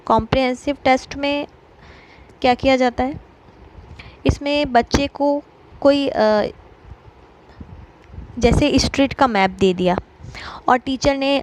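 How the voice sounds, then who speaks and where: A woman teaching an exam-prep lesson, explaining step by step with frequent filler pauses. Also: high voice, a little hiss or hum, low-quality recording.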